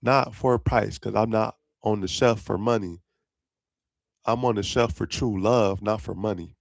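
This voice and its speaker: A young man talks through his solo podcast in loose, rambling slang and keeps breaking into laughter at his own lines. His voice sits on the low side with a gravelly, crackling edge. The sound is dry and close, with almost no room around it. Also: steady tone, normal speed, no room sound. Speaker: podcast host. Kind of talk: casual solo podcast chat.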